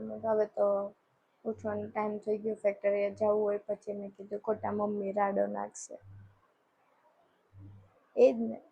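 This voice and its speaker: A woman's voice: medium pitch, vocal fry, breathy edge. A young woman chatting shyly and teasingly to her fiancé in a comic phone call skit. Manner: chatty, shy and teasing, retelling talks with family.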